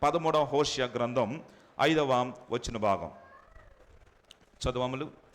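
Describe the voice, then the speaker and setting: A male pastor preaching a sermon emphatically, repeating phrases and swinging between loud high bursts and soft low drops. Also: slow. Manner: emphatic preaching with sudden rises and drops in pitch and loudness. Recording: long hall reverb.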